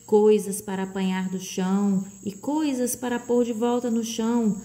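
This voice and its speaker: A cunning faceless man lures listeners with a soft, honeyed near-whisper, as a woman reader puts him on. He lingers over every word at an unhurried pace. The tone stays mellow and dark-edged, a storybook villain with sweet menace. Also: sits high, level tone, natural voice. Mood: coaxing. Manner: slow, honeyed persuasion. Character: sly faceless man, soft scheming coaxer.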